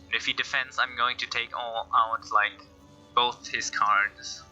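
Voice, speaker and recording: A man's voice: medium pitch, flat delivery, a little slow, bright, forceful tone, highs cut off, soft background music. A man giving casual game commentary, thinking aloud in a hesitant way. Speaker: gameplay commentator.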